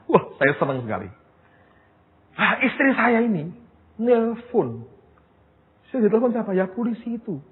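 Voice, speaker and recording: A man preaching a sermon as pastor, telling stories in a lively way and often turning to his listeners as brothers and sisters. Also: extremely high pitch. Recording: tinny phone-like sound, long hall reverb, faint noise.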